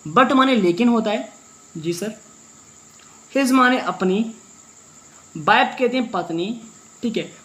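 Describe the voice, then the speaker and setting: A man teaching as a teacher, translating a story word by word, talking fast and answering his own questions. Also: very high voice, a bit bright. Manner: fast-talking, brisk and drilling.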